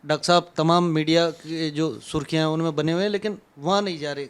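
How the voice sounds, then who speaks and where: Smooth-voiced persistent male reporter. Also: a little high, fairly even intonation, quick pace. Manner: persistent, polite questioning. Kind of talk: press interview questions.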